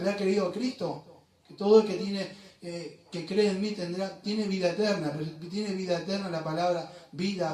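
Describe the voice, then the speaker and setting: This man's voice is high and somewhat dark as he preaches in a church sanctuary. As pastor, he delivers his sermon with emphasis and many rhetorical questions, recorded from far off in a reverberant church room.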